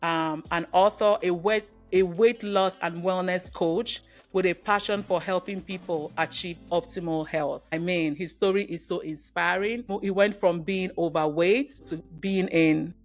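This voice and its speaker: A woman from Africa hosting a podcast interview, welcoming her guest with enthusiasm and lively emphasis. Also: on the low side. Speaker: podcast host.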